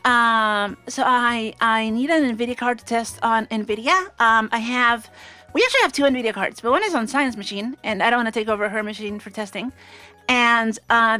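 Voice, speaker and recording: A bubbly, hesitant woman hosts a casual programming livestream, her voice fairly high and sharp in tone. A swollen mouth makes her pronunciation slightly off.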